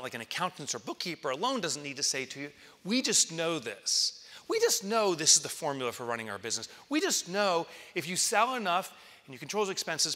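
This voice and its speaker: A man in his forties giving an animated stage keynote, telling stories and acting out quotes with sudden excited highs, on a headset mic. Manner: lively storyteller, acts out quotes and jumps to excited highs. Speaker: keynote speaker. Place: large conference hall, on stage in front of an audience. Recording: reverberant hall.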